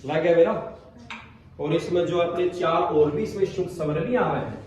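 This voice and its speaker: A man's voice: a little high, moderate pace, darkish tone, slight background noise. A man teaching a grammar class, quizzing students and repeating his questions. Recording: echoey classroom, from far off.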